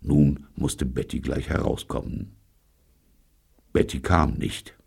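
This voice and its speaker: A man's voice: a bass voice, steady tone, takes it slowly, gravelly, darkish tone, breathy edge. An older man narrating an audiobook in a dry, wry storytelling manner. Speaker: audiobook reader.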